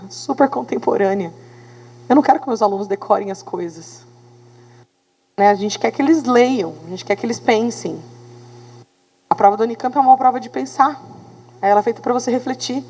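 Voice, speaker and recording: A Brazilian woman lectures a class of students, animated and engaging, constantly checking whether they follow. Her voice sits fairly high. The sound rings with a long hall reverb. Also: slightly rough. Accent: Brazilian Portuguese. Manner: animated, talks to students with tag questions. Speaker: teacher.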